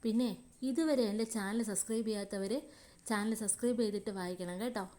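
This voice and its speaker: A woman's voice: mid-range voice, fairly quick, warm tone. A woman storyteller reading a romantic serial story aloud, with playful asides to her listeners at the close. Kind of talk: scripted story narration.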